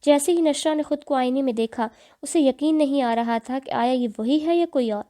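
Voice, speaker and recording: Woman audiobook narrator, earnest storyteller, warm low-brightness tone. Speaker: novel narrator.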